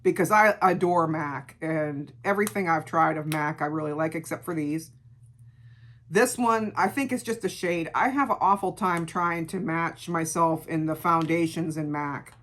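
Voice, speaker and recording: A middle-aged woman with a gravelly voice, chatting casually through a beauty product review and repeating words for emphasis. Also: sits low, normal speed, a bit bright, slight background noise. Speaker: beauty vlogger.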